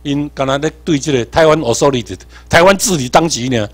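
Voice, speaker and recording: A man from Tainan with a Taiwanese accent, giving an animated workshop lecture, quizzing the audience and swinging between emphatic and muttered asides. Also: fairly high pitch, a little fast. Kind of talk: seminar lecture mixing Hokkien and English terms.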